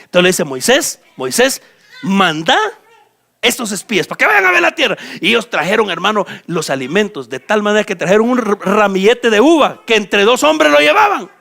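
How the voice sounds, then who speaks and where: Guatemalan pastor preaching, high gravelly voice, keeps talking right to the crowd. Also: male voice, normal speed. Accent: Guatemalan Spanish. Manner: animated, addresses listeners directly and points at a map. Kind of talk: sermon.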